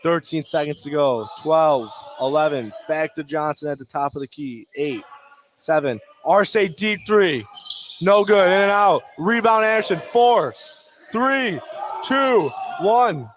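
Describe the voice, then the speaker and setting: A play-by-play announcer calls a live basketball game on radio from an indoor high school gym, delivering the action in clipped, short phrases. His voice is fairly high-pitched, animated, and unhurried. The recording carries noisy gym ambience, with game noise and basketballs bouncing in the background.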